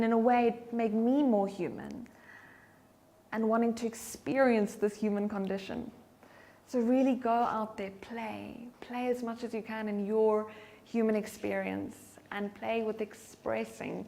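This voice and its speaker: A woman giving a motivational talk on voice and confidence. Her voice is expressive, moving in pitch and loudness for emphasis, and she drops to a soft whisper to demonstrate breathing. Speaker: keynote speaker and voice coach.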